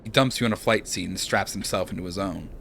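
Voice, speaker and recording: A young man streaming a narrative game, reading its text aloud in a hushed, dramatic way and chatting with viewers. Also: low-pitched, quick pace, creaky, a little hiss or hum.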